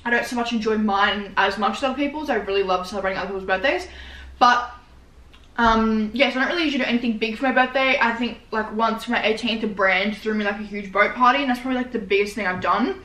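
Casting: Australian woman, 19, slightly high voice, rambling casual mukbang eating vlogger, roomy indoor sound. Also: fast talker, sharp tone. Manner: informal, slangy, rambling. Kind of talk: casual chatty mukbang vlog while eating. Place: small living room, indoors.

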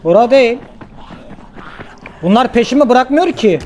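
A man hosting a gaming channel, giving casual let's-play commentary in an excitable way, often swearing and yelling at the game. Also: extremely high pitch, normal speed, slight background noise.

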